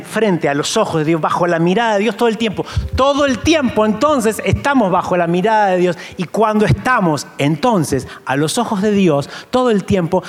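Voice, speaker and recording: A man with an Argentine accent preaching a sermon in a church, emphatic and pleading, firing rhetorical questions at the congregation. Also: high-pitched. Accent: Argentine Spanish. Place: church sanctuary. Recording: long church reverb, faint music.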